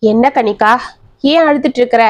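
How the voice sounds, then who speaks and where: A worn-out husband who keeps reassuring everyone in a low, slow, soft way, as a woman storyteller puts him on. The reading is close and dry, with the voice still fairly high. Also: no echo, dull audio, lightly acted. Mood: weary. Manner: soft, reassuring, speaks slowly. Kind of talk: storybook narration.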